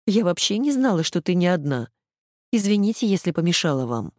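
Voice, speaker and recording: A woman voicing an emotional, sharp-tongued young woman who speaks in an agitated, reproachful way. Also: lowish voice, very animated, a little fast, no echo, clean studio sound.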